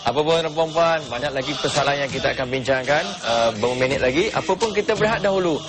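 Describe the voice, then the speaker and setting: A man's voice: mid-range voice, quick pace, over loud music. A man with a Malaysian Malay accent hosting a religious talk show, politely reading viewer questions and taking callers.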